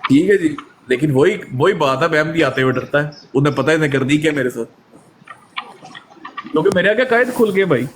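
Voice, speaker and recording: A man, chatting in an interview and telling animated stories, often acting out the quoted exchanges. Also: fairly high pitch, a little fast, a little hiss or hum. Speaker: guest. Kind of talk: casual conversational interview.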